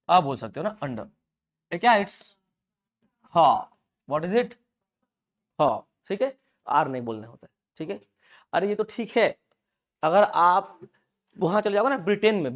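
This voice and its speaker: High-voiced Indian man teaching English. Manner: drills pronunciation with repeated questions to students; addresses students as beta, mixing Hindi with English words. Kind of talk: classroom lecture. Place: classroom.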